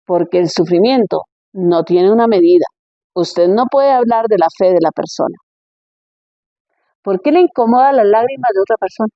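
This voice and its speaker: A woman's voice: mid-range voice, animated, normal speed, no echo, lo-fi sound. A woman pastor giving a conference sermon in a conversational way, firing rhetorical questions at her listeners.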